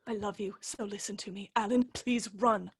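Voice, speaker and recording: Actress as young medieval maiden, radio drama, raspy mid-pitched voice, passionate, bitter. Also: female voice, steady tone, moderate pace. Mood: urgent pleading. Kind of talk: radio play acting.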